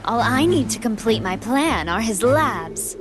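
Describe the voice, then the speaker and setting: An airy female android villain speaks in a high, swooping voice over loud music. She is sweetly polite and flippant, with playful menace, in English-dubbed anime game style. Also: very animated, measured pace. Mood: breezy scheming.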